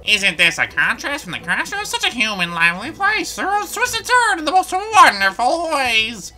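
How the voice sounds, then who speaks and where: A man's voice: extremely high pitch, wildly swooping pitch, moderate pace, pushed and bright, pitched above the performer's own voice, heavily acted. A man putting on a nerdy, nasal bug mapmaker. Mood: prim, cheerful. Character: nerdy male bug mapmaker, prim and chatty. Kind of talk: reading game dialogue aloud in character. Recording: game music playing underneath.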